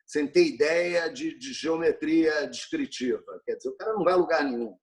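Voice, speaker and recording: A man's voice: fairly high pitch, normal speed. A Brazilian man as an interview guest, talking animatedly, repeating words and often asking "entendeu?". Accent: Brazilian Portuguese. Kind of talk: casual interview chat.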